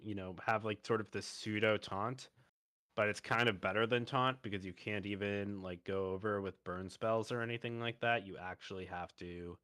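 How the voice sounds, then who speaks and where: A man with a somewhat low voice hosts a card game podcast. He thinks aloud in a casual way and his pace speeds up and slows down. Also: bright, forceful tone. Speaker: podcast host.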